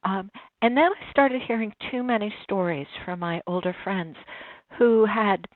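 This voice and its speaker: Over a dry, tinny phone connection without echo, a woman in her 60s talks reflectively as an interview guest. She speaks at medium pitch and a measured pace, frequently starting her stories over.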